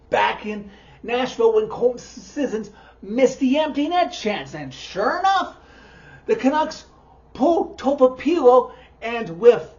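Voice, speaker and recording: Exasperated high-voiced woman talking sports. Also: a little mellow, dull audio. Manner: exasperated, emphatic. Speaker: sports podcast host. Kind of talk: opinionated post-game sports commentary.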